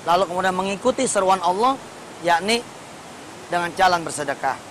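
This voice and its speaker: A male preacher gives a lively, colloquial sermon and keeps asking the congregation questions. His voice sits high for a man. A faint hiss runs under the recording. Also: fairly quick, low-quality recording. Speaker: Islamic preacher.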